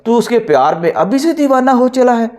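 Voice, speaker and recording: A man's voice: very high-pitched, big pitch swings, a little fast, a little mellow, voice pushed up. A mischievous jinn companion with a sly, needling manner, as a male storyteller puts him on. His voice jumps well above the narrator's, light and playful in a spoken audio story. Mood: teasing. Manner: sly, teasing.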